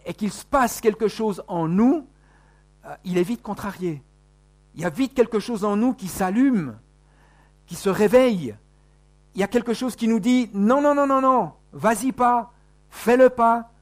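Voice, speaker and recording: A man's voice: high voice, darkish tone. A man preaching a sermon in a conversational way, with many rhetorical questions to the congregation. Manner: conversational, full of rhetorical questions and tag words.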